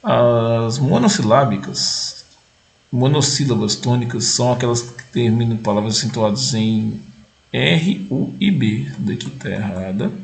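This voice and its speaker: Casual Brazilian male tutor with a middle-pitched, gravelly voice, thinking aloud at the computer. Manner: thinks aloud, reads questions and checks answers. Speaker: exam-prep video host. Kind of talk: casual exam walkthrough.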